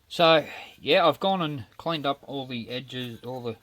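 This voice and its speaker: This man is a DIY metalworking presenter who narrates his hands-on metalwork casually and plainly, step by step, from a home metal workshop. He speaks at a medium pitch and a measured pace in a fairly bright tone. The audio is poor, with clear workshop machinery noise, including a running saw, clicks and machine sounds.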